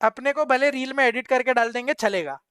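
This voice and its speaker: A young man with a Mumbai Hindi accent, a live streamer excitedly telling his chat a slangy, animated story. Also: very high voice, fairly quick, clean tone, no room sound, clean studio sound.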